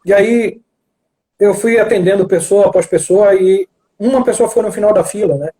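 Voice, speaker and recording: Male guest from Brazil, high but warm voice, acts out quoted dialogue while he tells a story over a video call. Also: normal speed, low-quality recording. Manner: animated storyteller who acts out dialogue, frequent restarts. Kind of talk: storytelling in a live video chat.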